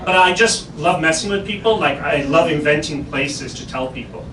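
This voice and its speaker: A man's voice: a little high, normal speed. A middle-aged man from Pakistan with an English accent, doing a stand-up comedy set on a club stage with dry, self-mocking punchlines. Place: improv club stage before a live audience. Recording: roomy, distant live club recording with loud noise.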